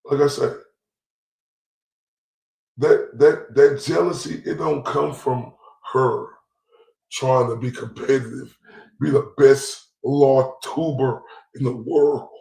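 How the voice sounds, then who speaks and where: On a livestream, a YouTube commentary host from Dallas, Texas delivers a blunt, profane rant. He speaks slowly in a steady, warm, medium-pitched voice with vocal fry and long pauses, in a roomy, echoey recording.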